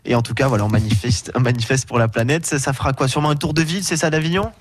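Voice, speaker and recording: A man's voice: medium pitch, steady tone, rapid-fire, dry recording, soft background music. A man working as a radio reporter, chatting casually with a guest and dropping plenty of fillers.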